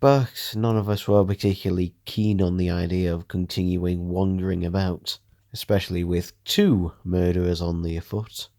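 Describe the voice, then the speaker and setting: Deep, gravelly male story narrator. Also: steady tone, moderate pace, warm tone, no echo, clean studio sound. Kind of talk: first-person audio drama narration.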